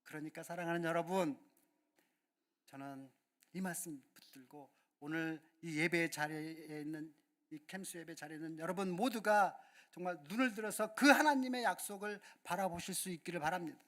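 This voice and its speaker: High-voiced man preaching earnestly. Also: moderate pace, a bit bright. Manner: earnest, addresses the congregation directly. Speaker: pastor. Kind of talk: sermon.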